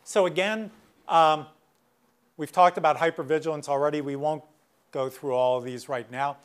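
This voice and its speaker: A man's voice: a little high, steady tone, normal speed, smooth. A middle-aged man giving a workshop lecture as a clinician, in a conversational way with many asides and anecdotes. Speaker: guest speaker, clinician.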